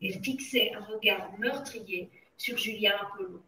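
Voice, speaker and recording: A woman reads a children's story aloud in a lively manner, her fairly high voice a bit away from the mic. The room is echoey, and a faint noise hums behind her. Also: moderate pace, distant mic. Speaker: reader. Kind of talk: reading a children's novel aloud.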